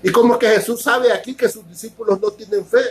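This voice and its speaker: A man's voice: extremely high pitch, fairly even intonation, quick pace, slightly rough, poor audio. A man preaching a sermon as pastor, explaining step by step, repeating words and often asking his listeners if they follow.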